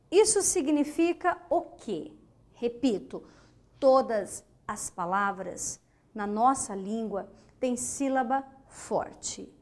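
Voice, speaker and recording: A woman teaching a grammar lesson, patiently repeating key words and asking and answering her own questions. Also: sits high.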